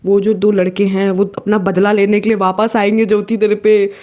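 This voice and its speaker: A woman's voice: mid-range voice, flat delivery, normal speed, darkish tone. A young woman telling a personal story in a casual, chatty way, mixing in English words as she talks. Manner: chatty, mixes in English words, frequent restarts. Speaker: vlogger.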